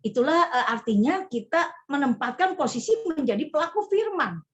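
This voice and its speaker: A woman's voice: high-pitched, sing-song, moderate pace, muffled recording. A woman pastor giving an earnest, emphatic sermon.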